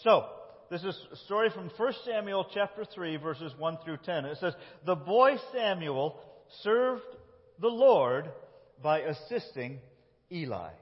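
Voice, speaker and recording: Animated man telling a story in church. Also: sits high, measured pace. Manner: animated, reads dialogue in lively voices. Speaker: lead pastor. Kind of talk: sermon storytelling with children acting. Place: church sanctuary. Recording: muffled, echoey church hall.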